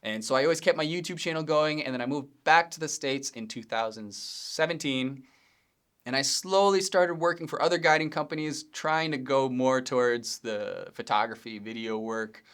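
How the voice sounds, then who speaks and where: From his home studio, a Pennsylvania man in his thirties, a podcast host and video editor, casually introduces his podcast into the mic. His smooth, resonant voice sits at an ordinary middle pitch and moves at normal speed. Relaxed and rambling, he drifts between points, fills gaps with ums, corrects himself mid-sentence, and laughs now and then.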